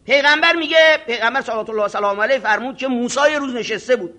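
Animated high-voiced cleric preaching. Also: male voice. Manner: animated, acts out arrogant voices, self-mocking; chants Arabic scripture slowly. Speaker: cleric teaching ethics. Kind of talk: moral sermon to seminary students.

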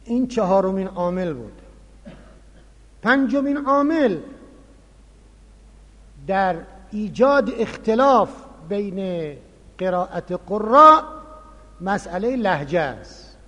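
Guy giving a religious lecture, fairly high voice, lots of hall echo. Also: pauses often, lo-fi sound. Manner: explanatory, animated, acts out quoted dialogue. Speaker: lecturer on Quran recitation. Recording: long hall reverb.

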